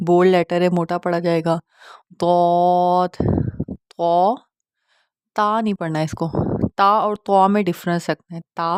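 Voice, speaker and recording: A woman teaches Quran recitation in a low, calm voice, recorded close in a dry space with no room sound. She stays patient and encouraging and keeps checking that her learners follow. When she models a letter she slows right down and says it louder and clearer. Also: no echo. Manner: patient, reassuring, models letter sounds slowly and stresses them; often checks in with the listener. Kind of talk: explanatory online lesson.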